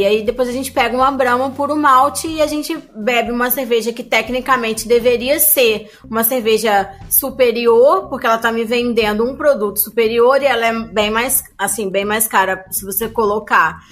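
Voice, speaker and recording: A woman's voice: a little high, normal speed, hardly any pauses, a bit bright. A woman co-host with a Brazilian Portuguese accent, chatting casually and making emphatic points. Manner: emphatic, checks in with listeners. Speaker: podcast co-host. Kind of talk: casual chat.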